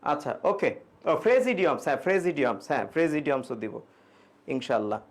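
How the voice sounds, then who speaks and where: Fairly quick and highly animated, this young man's voice sits on the high side as he runs an online English grammar class for exam prep. Students' questions get read aloud and answered, with casual Bengali explanations backed by English examples.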